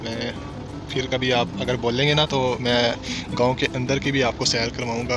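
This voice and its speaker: A young man talks casually to his viewers, circling back over his points and calling them brother. His voice sits at an ordinary pitch and is recorded on a phone inside a vehicle cab. Music plays clearly behind him. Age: young adult. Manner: chatty and repetitive, often calls viewers brother. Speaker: vlogger. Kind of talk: casual travel vlog narration. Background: background music.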